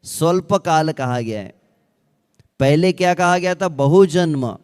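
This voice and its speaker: Guy giving a slow spiritual talk, kinda high smooth voice, chants verses sometimes, big echoey hall. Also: animated, darkish tone. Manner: asks rhetorical questions. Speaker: ISKCON speaker. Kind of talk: Hindi devotional discourse.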